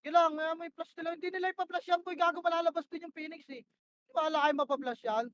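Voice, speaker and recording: A woman's voice: very high voice, fairly even intonation, fast, dull audio, a little hiss or hum. A woman leading her team in a shooter match, barking short repeated commands and swearing when frustrated. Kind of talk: rapid in-game voice comms.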